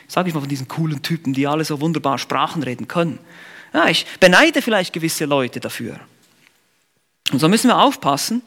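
A man's voice: fairly high pitch, bright, forceful tone. A man preaching an expository sermon, earnest and emphatic, putting rhetorical questions to the congregation and explaining the meaning of Greek words.

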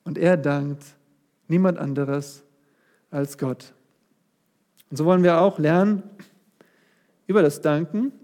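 The preacher's voice is a little high and dark in tone, moving at a slow pace with long pauses. Delivering a sermon and reading a psalm, he talks straight to his congregation and his voice rises on key words.

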